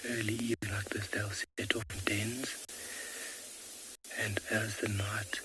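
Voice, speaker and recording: Safari guide, man, low and even, hushed whisper outdoors with steady ambient noise. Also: measured pace. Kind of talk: whispered live wildlife commentary. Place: outdoors at a watering hole.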